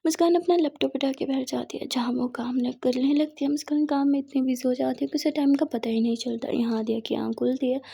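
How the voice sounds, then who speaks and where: A woman storyteller who narrates softly, often dipping into a half-whisper. Her voice is high and gravelly, with a mellow, husky tone. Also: fairly even intonation, brisk, hardly any pauses. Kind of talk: dramatized storytelling.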